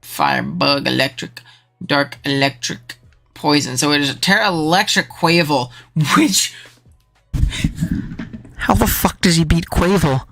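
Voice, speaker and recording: A streamer giving casual live commentary on a game match, slangy and excitable, with the voice jumping high when thrilled. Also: measured pace, creaky, long pauses, faint music behind.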